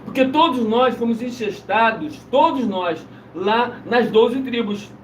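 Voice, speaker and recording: A man's voice: very high voice, a little slow, fairly bright tone. A man preaching in a loose, insistent live-stream chat, repeating himself as he goes. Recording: roomy, distant mic, faint noise.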